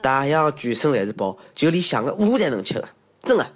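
Male, Shanghainese accent, lively varied pitch, comic host monologue, self-deprecating exclamations, faint background music. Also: fairly quick. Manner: self-mocking, exclamatory, theatrical asides. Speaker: comedy show host. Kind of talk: comedic monologue on odd news.

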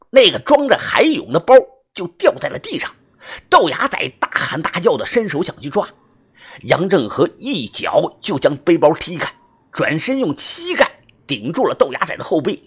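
A woman reading a suspense novel aloud with lively, dramatic narration over faint music. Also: sits low, moderate pace, slightly rough. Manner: lively, acts out the tension. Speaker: audiobook reader.

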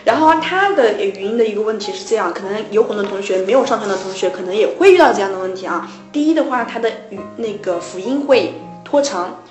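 A woman's voice: mid-range voice, expressive, fast talker, few pauses, reverberant, soft background music. A woman co-hosting a casual English lesson talk, explaining pronunciation points patiently, step by step. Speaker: English tutor co-host. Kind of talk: casual radio-style chat.

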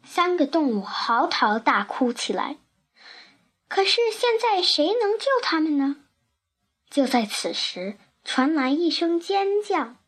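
A woman reading a children's picture book aloud with expressive storytelling narration. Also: high voice, slow.

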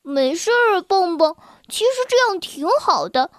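A playful young frog boy with a bright, very high voice who loves to tease and giggle, as a woman reading a storybook puts him on. He drawls his words out slowly and the recording is close and dry. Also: very animated, no room sound, exaggerated voice. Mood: teasing. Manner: teasing, giggly.

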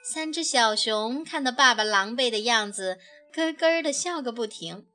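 Female storyteller, bright tone, unhurried, higher pitch, children's book reading. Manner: gentle, expressive narration. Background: soft background music.

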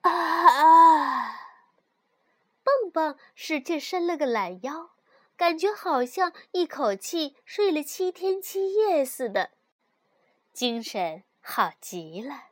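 A woman narrating a children's story gently and expressively, close to the mic. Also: high voice, no room sound.

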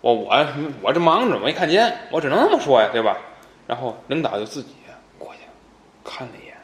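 Mid-pitched storytelling man, lively pitch, roomy sound with faint hiss. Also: fairly quick. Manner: laughing storyteller, trails off to a mumble. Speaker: podcast co-host. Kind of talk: casual storytelling chat.

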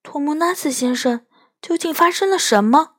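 A woman's voice: mid-range voice, normal speed, clean tone, no echo, studio quality, natural voice. A woman voicing a caring, anxious little girl who speaks eagerly and urgently in a storybook reading. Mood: worried.

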